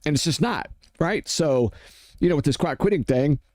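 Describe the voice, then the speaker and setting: A man's voice: a little high, lively intonation, normal speed, a little mellow, no room sound. A blunt man rants in a heated, casual way and swears freely. He acts out both sides of each argument in quoted voices. The sound is dry and close, with no room around it. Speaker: streamer ranting on workplace issues. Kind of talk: casual rant.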